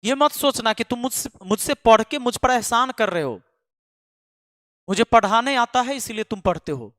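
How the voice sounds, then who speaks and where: A man's voice: high-pitched, sharp tone, no room sound, studio quality, long reverb tail. A man who teaches math online, speaking to his students in an emphatic, scolding way and repeating lines for force. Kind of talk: impassioned address to students.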